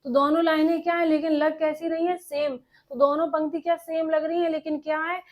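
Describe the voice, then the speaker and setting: A woman's voice: high voice, level tone. A woman teaching an exam-prep grammar lesson, dictating and repeating phrases so students can write them down, and answering her own questions. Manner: dictating slowly, repeating phrases for note-taking.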